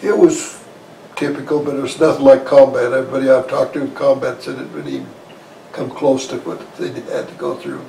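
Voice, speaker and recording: A man in his eighties recalling his life in a halting, folksy, plain-spoken interview style. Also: mid-range voice, animated, warm tone. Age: 80s. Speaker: Korean War veteran being interviewed. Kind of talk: conversational oral-history recollection. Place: small living room, indoors, in armchair. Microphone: lavalier clipped to shirt. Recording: roomy, distant sound with faint noise.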